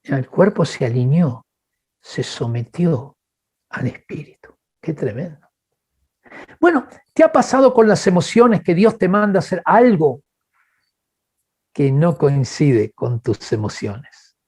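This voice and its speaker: A man's voice: measured pace, long pauses, husky. A man with a Chilean accent preaching in a webinar, telling personal stories and acting out quoted voices. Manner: animated, acts out quoted voices with big pitch jumps; addresses listeners as brothers, asks okay. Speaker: guest speaker. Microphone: webinar microphone.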